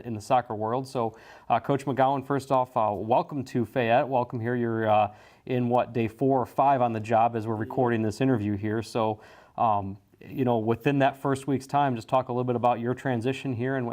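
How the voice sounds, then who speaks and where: A man's voice: medium pitch, a little mellow. A man in college athletics hosting an interview in a conversational way.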